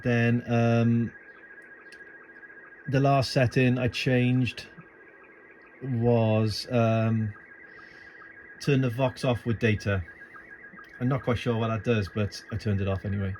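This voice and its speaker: Slow and flat, with frequent pauses, a man's slightly mellow mid-range voice guides an amateur radio tutorial. He walks through his screen and gear without a script, thinking aloud in a hesitant, informal manner while filming on a handheld phone, and the audio is a noisy amateur recording.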